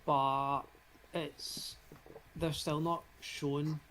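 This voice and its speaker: A man's voice: a little high, flat delivery, very slow, fairly bright tone, poor audio. A man with a broad Glaswegian Scottish accent chatting casually on a live stream. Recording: clear background noise.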